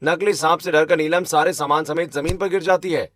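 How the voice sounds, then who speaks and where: A man narrating a cartoon story in a steady storytelling manner. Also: fairly high pitch, fairly quick, soft background music.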